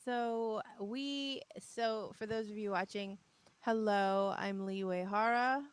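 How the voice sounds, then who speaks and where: A woman's voice: medium pitch, fairly even intonation, takes it slowly, smooth. A woman co-hosting a live podcast broadcast, talking casually, upbeat and often laughing. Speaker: podcast co-host. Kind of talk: casual live-stream chat.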